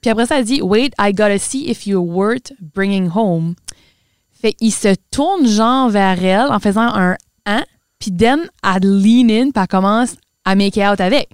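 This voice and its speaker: Québécois woman podcast co-host, smooth clear voice, dry close sound, lively storyteller mixing in English. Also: medium pitch, moderate pace, no room sound. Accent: Québécois French. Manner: mixes English words into French, animated storyteller. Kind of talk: casual storytelling chat.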